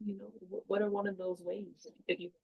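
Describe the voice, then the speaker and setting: A calm, sympathetic therapist played by a woman in a counseling role play. The voice sits at a middle pitch and gently, somewhat haltingly reflects things back. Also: gravelly, husky, narrow, tinny audio. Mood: careful, probing. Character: calm, sympathetic counselor listening to a client in crisis. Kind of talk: mock counseling session.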